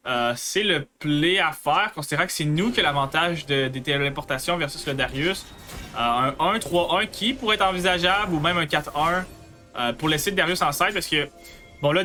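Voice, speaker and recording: A man's voice: on the high side, sharp tone. A man with a Quebec French accent analysing an esports match live, mixing English gaming jargon into his speech.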